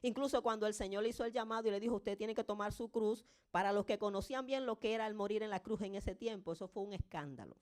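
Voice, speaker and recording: A woman preaching a sermon in Spanish to a congregation, fervent and emphatic, addressing them directly as brothers and sisters. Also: a little mellow. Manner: fervent, rising to emphatic peaks then dropping low and slow.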